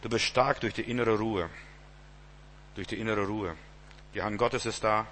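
A man's voice: fairly low pitch, steady tone, moderate pace, a bit bright, slight background noise. A man preaching a sermon in a rambling way, repeating words and chuckling now and then.

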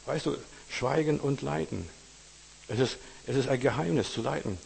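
A man's voice: medium pitch, moderate pace, vocal fry, darkish tone, in a large hall, a little hiss or hum. A man preaching a sermon informally, speaking to the listener as a friend and retelling parables. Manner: informal, addresses listener as du, retells stories with acted quotes.

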